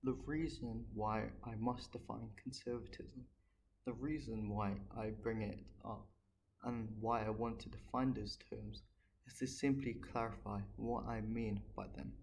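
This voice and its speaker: A man giving an earnest, measured political monologue, talking on his own without a script. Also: fairly low pitch, fairly even intonation, creaky, a little mellow, slight background noise, rough recording. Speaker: political commentator. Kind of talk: unscripted solo monologue.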